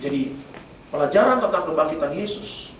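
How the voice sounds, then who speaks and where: A man's voice: a little high, lively intonation, moderate pace, a bit bright. A man preaching a sermon as pastor, telling stories with humor and addressing the congregation directly. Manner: storytelling with humor, addresses congregation as Bapak Ibu. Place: church. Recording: echoey church hall from far off, noisy.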